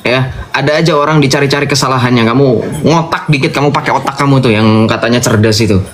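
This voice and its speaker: A man's voice: mid-range voice, fairly even intonation, fast, a bit bright. Young man, telling an emphatic personal testimony straight to the camera. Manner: informal, emphatic, addresses listeners as brothers and sisters. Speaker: convert giving testimony.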